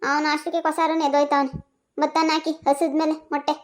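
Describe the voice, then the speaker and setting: A bossy village mother in a cartoon scolds her family in rapid, shrill bursts, voiced by a woman. Her voice sits extremely high and races along. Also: little pitch movement, lightly acted. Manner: shrill, nagging, quick scolding.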